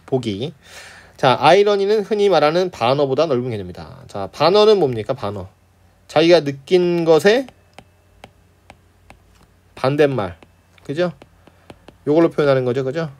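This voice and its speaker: His voice is a little high and slightly mellow, with lively intonation, as this man leads students through exam problems on Korean literature. Along the way he scoffs at wrong options, tosses in frequent "right?"s, and briefly plays characters for fun in a chatty lecture walkthrough.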